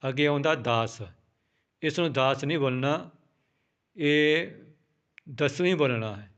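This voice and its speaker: Slow, clear-voiced teacher. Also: male voice, fairly high pitch, fairly bright tone. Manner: spells out each word letter by letter, then repeats it slowly. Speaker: Gurbani pronunciation teacher. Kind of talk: slow, careful recitation lesson.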